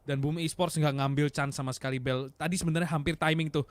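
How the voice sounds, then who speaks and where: An Indonesian man commentating an esports match like an excited game announcer, in a slangy, emphatic, analytical way. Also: on the high side, fast talker, no room sound.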